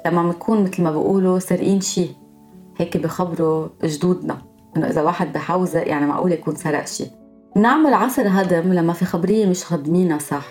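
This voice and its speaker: A woman with a Lebanese accent hosts a podcast, explaining her topic in a scripted monologue and working through examples one at a time. Her voice is lowish with a darkish tone.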